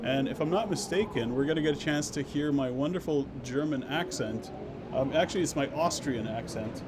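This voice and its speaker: Chatting casually and playfully with viewers on his game stream, a man frequently breaks into his own sentences. He has a mid-range voice and a brisk pace, and the background is clearly noisy.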